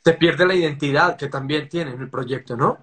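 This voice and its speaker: A man in his forties hosts a home live stream on a phone video call, eager and quick to agree with his guest. His voice sits fairly high and sounds bright and forceful. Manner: eager, agreeable, with short affirmations. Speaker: interviewer, live host. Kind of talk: casual live-stream interview. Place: indoor room at home. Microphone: phone camera on a video call.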